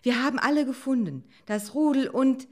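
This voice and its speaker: A woman voicing an eager, quick-witted male fox in a storybook reading, urgent and pushy. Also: mid-range voice, sing-song, voice pushed up, natural voice. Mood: reassuring.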